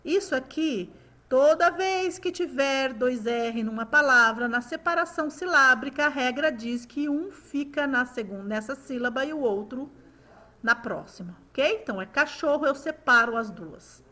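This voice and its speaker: A woman's voice: high-pitched, lively intonation, normal speed, pushed and bright. A woman teaching young children, patiently sounding out words syllable by syllable in a recorded lesson. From Brazil. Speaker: primary school teacher.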